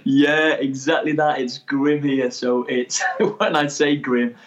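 A Welsh man in his twenties, a guest explorer chatting in an interview, upbeat and quick to laugh. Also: medium pitch, highs cut off, slight background noise. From North Wales. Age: 20s. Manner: energetic, chatty, laughs easily. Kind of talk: casual interview chat.

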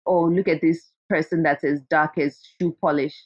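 A woman's voice: low voice, fairly even intonation, moderate pace, no echo, muffled recording. A woman from Zimbabwe, a guest in an interview, talking candidly and restarting her sentences. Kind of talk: conversational interview.

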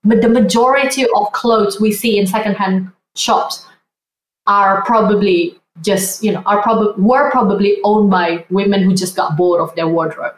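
A woman's voice: medium pitch, steady tone, normal speed. Woman in an echoey room. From Indonesia. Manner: earnest, reflective storytelling. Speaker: guest, vintage blogger. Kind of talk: conversational interview.

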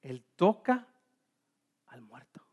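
A man's voice: slow, dark tone. A man preaching a sermon, telling a story in short phrases and putting questions to the congregation while an interpreter follows him. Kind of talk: sermon in Spanish with live interpretation.

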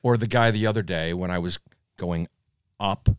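A man co-hosting a podcast, telling animated stories and acting out what other drivers say. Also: low-pitched, normal speed, clean tone, no echo, clean studio sound. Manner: animated storyteller who acts out other drivers. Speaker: podcast co-host. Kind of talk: casual conversation.

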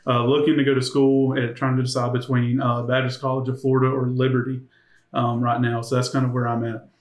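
A man's voice: mid-range voice, level tone, a little fast. A 21-year-old man on church ministry staff, speaking hesitantly with many ums and uhs on a podcast. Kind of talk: casual podcast conversation. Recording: echoey room.

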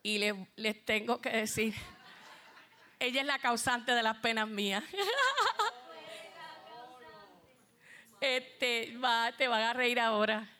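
A middle-aged woman with a Puerto Rican accent shares a church testimony before she sings. Her voice sits a little high, and she speaks in a heartfelt way, turning straight to the congregation as she tells it. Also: steady tone, unhurried, sharp tone. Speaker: worship singer giving a testimony.

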